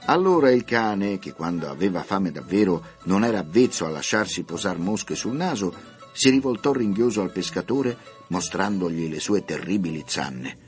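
A man narrating a story for radio with an expressive, theatrical reading. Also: sits low.

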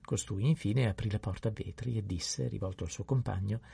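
A man reads a novel aloud in a calm, unhurried narration. His voice is low, dark and gravelly with a husky edge. The sound is dry and close. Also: dry recording. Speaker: audiobook narrator.

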